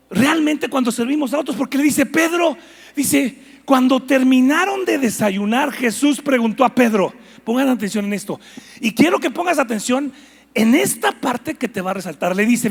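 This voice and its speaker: A man's voice: very high voice, vocal fry. A man preaching a sermon, telling stories with animation and asking the listeners questions.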